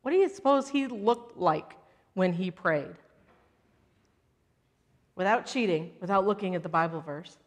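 A woman leading a children's message in a church sanctuary, gently asking the children questions. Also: mid-range voice. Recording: long church reverb.

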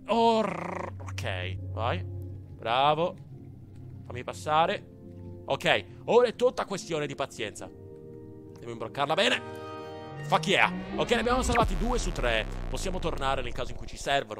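A young man from Italy commentating a platform game, excitable, swearing and exclaiming often. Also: mid-range voice. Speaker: gaming YouTuber. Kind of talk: let's play commentary.

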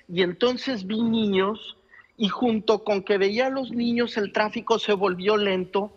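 A man's voice: high-pitched, a bit bright. A middle-aged man reporting by phone from the roadside, telling his story with hesitant restarts. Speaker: field reporter. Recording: muffled phone line.

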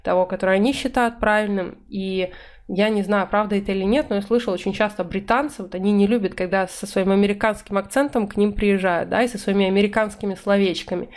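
In an online vocabulary lesson, a woman in her thirties teaches English in a friendly, steady way, her webcam in the corner of the slides in an indoor room. She explains in Russian at a natural pace but slows right down to read the English example phrases aloud. Her pitch sits at an ordinary middle range for a woman.

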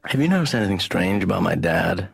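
A deadpan, gravelly adult son. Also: male voice, low-pitched, quick pace, no room sound, full character voice. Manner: deadpan, sarcastic. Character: Ben, sarcastic grown son of a therapist. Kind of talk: animated sitcom dialogue.

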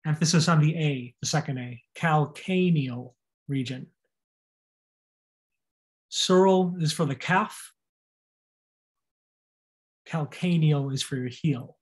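A man's voice: on the high side, slow, pauses often. A man giving a recorded anatomy lecture over slides, spelling out and repeating terms and stressing how to pronounce them.

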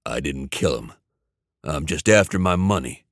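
A male narrator voicing a cool, menacing male ex-soldier who speaks slowly and evenly. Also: no room sound, studio quality, heavily acted. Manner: low, slow, calm, menacing.

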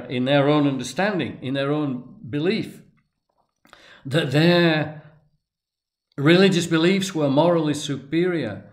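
A man lecturing at length off the cuff, speaking deliberately and pausing often, with restarts as he stresses key words. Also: a little high. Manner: deliberate, halting, with restarts and emphatic pauses. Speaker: tarot and religion commentator. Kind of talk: unscripted lecture.

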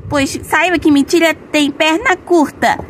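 A scolding girl doll played by a woman speaks in a very high voice, halting and moralizing. It is amateur doll play with faint noise behind it. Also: steady tone. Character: suspicious, scolding girl doll preaching honesty.

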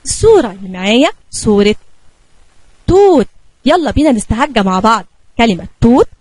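A woman with an Egyptian Arabic accent teaching a kindergarten spelling lesson, slowly drawing out letter sounds for young children. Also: on the high side, big pitch swings, slightly rough, dry recording.

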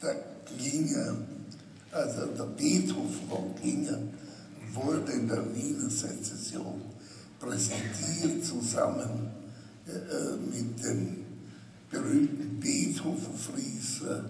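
An older man from Vienna with a breathy, rough voice, talking slowly and thoughtfully on stage in a large exhibition hall. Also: mid-range voice, warm tone, a little hiss or hum. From Vienna, Austria. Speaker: artist being interviewed. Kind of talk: slow, reflective conversation on stage. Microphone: headset mic. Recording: roomy hall sound from a distant camera.

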